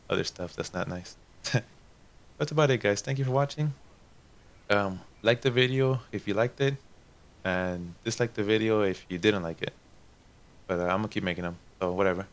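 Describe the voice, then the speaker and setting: Young guy w a lowish voice rambling thru a story for his viewers, slangy n chatty. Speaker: gaming channel host.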